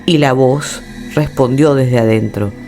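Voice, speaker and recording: A man reading a scripted horror story in a dramatic, measured storytelling manner. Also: mid-range voice, over loud music.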